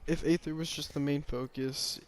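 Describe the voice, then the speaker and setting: A man's voice: fairly high pitch, steady tone, normal speed, a little hiss or hum. A man giving a casual, rambling opinion monologue about a game, often hesitating, restarting and sighing.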